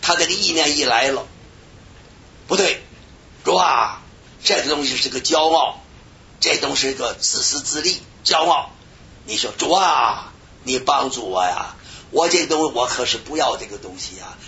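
A man preaching a sermon, telling a personal story with sudden shouted bursts. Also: lively intonation, normal speed. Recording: dull lo-fi recording with faint rumble.

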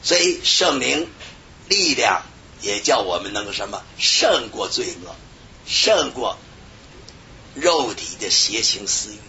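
A man preaching a sermon, telling a personal story with sudden shouted bursts. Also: sing-song, slow, creaky, pauses often. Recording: dull lo-fi recording with faint rumble.

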